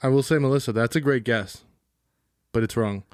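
A man co-hosting a casual movie podcast, reading out film facts in a deadpan way with slow pauses. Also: mid-range voice, dry recording, clean studio sound. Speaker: podcast co-host. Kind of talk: casual chat.

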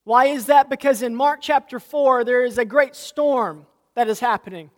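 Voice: mid-range voice, normal speed. A pastor preaching a sermon, asking the congregation rhetorical questions and often restarting and repeating words. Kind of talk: sermon with scripture reading. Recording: long hall reverb.

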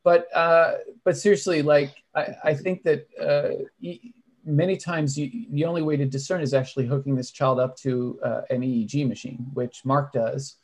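A man of middle pitch leads an online case discussion, setting up questions for the panel. He explains things patiently and deliberately, like a teacher talking to early learners. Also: fairly even intonation, a little mellow. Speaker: panel moderator.

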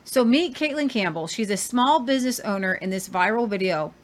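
A woman's voice: fairly high pitch, animated, a little fast. A woman hosting a podcast, giving casual commentary on viral videos. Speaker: podcast host.

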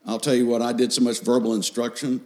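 A man's voice: mid-range voice, flat delivery, fast talker. Middle-aged male seminar speaker, folksy and scripture-quoting, teaching parents and checking in with the room.

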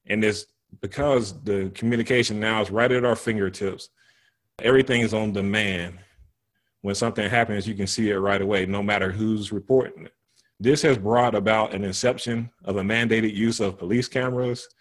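A man hosting a church panel discussion, speaking in an earnest, measured way. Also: lowish voice, fairly even intonation. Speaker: panel host.

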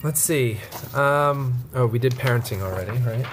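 A woman's voice: a bass voice, normal speed, faint music behind. A woman co-hosting a casual podcast, talking in a rambling way full of fillers and restarts, and sounding stuffed up. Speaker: podcast co-host.

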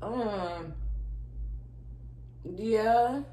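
A woman's voice: medium pitch, extremely slow, warm tone, roomy sound. A woman co-hosting a podcast in casual chat, joking, laughing a lot and swearing freely. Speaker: podcast co-host.

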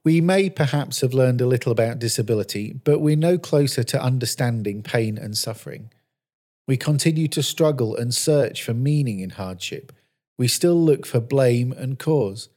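Male preacher narrating a story for a sermon; measured, earnest, mid-range voice. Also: medium pitch, animated, darkish tone.

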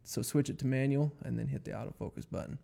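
Quick and mellow, this male livestream host speaks in a mid-range voice with some vocal fry. He chats casually and cheerfully, welcoming viewers while humming little tunes during setup.

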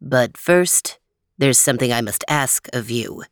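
A small green storybook frog, polite and patient, voiced by a woman who drops into a deep, unhurried register. He talks slowly and low, over a dry, close sound with no room echo. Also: lively intonation, exaggerated voice. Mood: calm, earnest.

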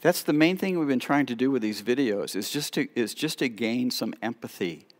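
A middle-aged man, a rabbi, telling stories to a congregation with animated delivery and quiet asides. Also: medium pitch, normal speed. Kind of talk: storytelling talk to a congregation.

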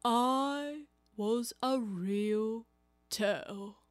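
A woman voicing a mournful, self-pitying Mock Turtle who speaks slowly and softly with sighs. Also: fairly high pitch, no echo. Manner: slow, sighing, hushed.

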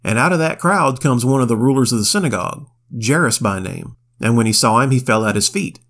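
A man's voice: medium pitch, expressive, a little fast, a bit bright. Man retelling scripture in folksy slang. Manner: retells scripture in folksy slang, quotes in King James wording. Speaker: podcast co-host reading the Bible. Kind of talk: casual Bible study chat.

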